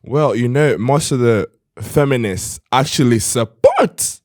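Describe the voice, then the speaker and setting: An animated man co-hosting a casual podcast, reading comments out and chatting loosely. His voice sits in the middle of the range. The sound is dry and close, with no room around it. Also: mid-range voice, a little slow, no room sound. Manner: animated, reads comments aloud. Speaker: podcast co-host. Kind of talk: casual chat.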